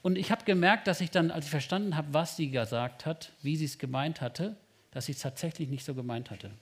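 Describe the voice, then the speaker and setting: A man preaching a lively sermon, putting direct questions to his listeners and acting out short quoted exchanges. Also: a little high, fairly quick, breathy edge. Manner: frequent tag questions, acts out little quoted exchanges. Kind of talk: lively sermon to young people.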